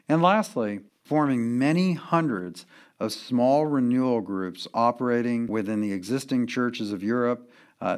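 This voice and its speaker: A man's voice: medium pitch, creaky. A man giving an earnest church history lecture, working through his points with emphasis.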